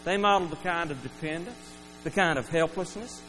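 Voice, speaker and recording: A man's voice: on the high side, a little fast, fairly bright tone, faint music behind. A man preaching a sermon, addressing his congregation as folks. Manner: earnest, acts out quoted lines. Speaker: pastor. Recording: reverberant hall with mains hum.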